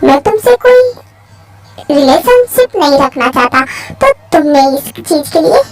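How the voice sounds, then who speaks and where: A woman voicing a cold, mocking young male mafia boss in a lowered voice. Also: very animated, measured pace. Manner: cold, dismissive, low. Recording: faint music behind.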